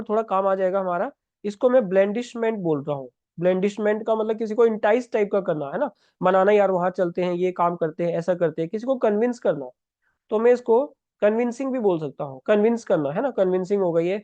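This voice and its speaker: A man's voice: high voice, dark tone, dry recording, lo-fi sound. A man teaching English vocabulary for exams step by step, often checking in with "है ना" as he writes words down. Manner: explains step by step, often asks "है ना", writing words as he talks. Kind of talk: exam-prep vocabulary lesson.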